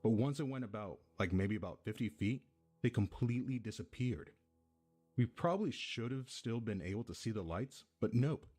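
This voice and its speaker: A man's voice: on the low side, animated, normal speed, a little mellow, faint music behind. A man with an American accent playing a laid-back, foul-mouthed tenant who rambles through an eerie story in casual audio-drama style. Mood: intrigued.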